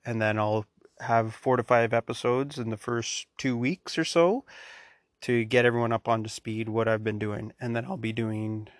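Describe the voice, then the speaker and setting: A man in his forties with a monotone voice, talking casually and flatly as a solo podcast host, rambling a little. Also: mid-range voice, normal speed, dry recording, studio quality. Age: 40s. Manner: flat, unemotional, rambling delivery.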